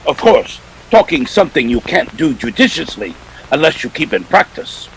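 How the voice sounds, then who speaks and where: A man's voice: fairly high pitch, very animated, moderate pace, gravelly, a little hiss or hum, rough recording. A man acting a wordy, jovial but dangerous fat crime boss in a 1940s detective radio play. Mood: jovial, expansive. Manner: pompous, orotund, savoring his words.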